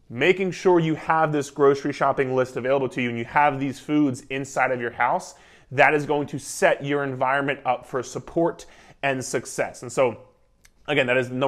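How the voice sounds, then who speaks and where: A man in his thirties, a nutrition coach, giving an energetic, emphatic talk to the camera from his living room on a lapel mic. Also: medium pitch. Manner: energetic, emphatic, gestures a lot while talking. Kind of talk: casual instructional talk to camera. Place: living room indoors, beside a whiteboard.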